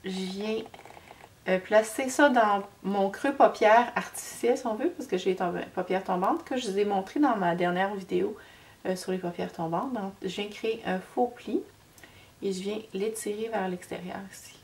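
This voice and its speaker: A woman's voice: medium pitch, normal speed. A woman with a Québécois French accent and a head cold, talking through a makeup tutorial in a chatty, hesitant way full of fillers and slips. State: has a cold. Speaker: beauty vlogger. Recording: distant mic with faint noise.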